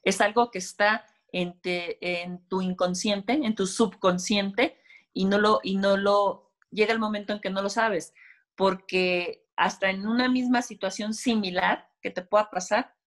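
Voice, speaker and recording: A woman's voice: mid-range voice, fairly even intonation, a little slow. A woman in a casual conversation, explaining ideas and telling anecdotes from her own life. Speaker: guest speaker.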